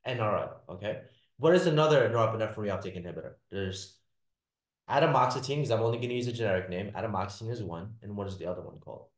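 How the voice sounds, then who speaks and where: A man's voice: on the low side, expressive, fast, echoey room. A man teaching a class, repeating his points and checking in with the students with "all right?" and "does that make sense?". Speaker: lecturer. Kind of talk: classroom lecture.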